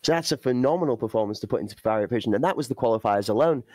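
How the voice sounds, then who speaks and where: A man's voice: medium pitch, expressive, very fast, darkish tone, no room sound. A man commentating an esports playoff, breaking down play and building hype for the chat. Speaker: esports caster.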